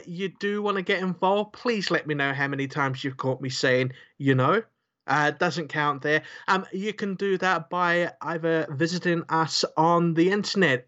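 A man's voice: fairly high pitch, sharp tone, muffled recording. A man co-hosting a podcast in casual chat, rambling and joking with lots of fillers. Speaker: podcast co-host.

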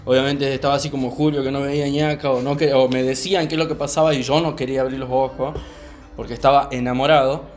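A young man with a Rioplatense Spanish accent, calmly telling a personal story on a podcast, with many fillers. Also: mid-range voice, faint music behind. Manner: calm, unhurried, many fillers. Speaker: podcast co-host. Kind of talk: casual storytelling chat.

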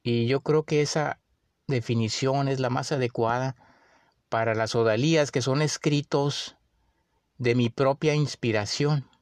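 A man with a Mexican accent hosting a podcast, musing in a relaxed way with many pauses and fillers. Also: medium pitch, dry recording, clean studio sound. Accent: Mexican Spanish. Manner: unhurried, with frequent fillers and restarts. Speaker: podcast host. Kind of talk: casual reflective monologue.

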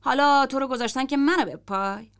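A woman reading the lines of a gruff, foul-mouthed grown man who grumbles and swears in a story. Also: sits high, fairly bright tone.

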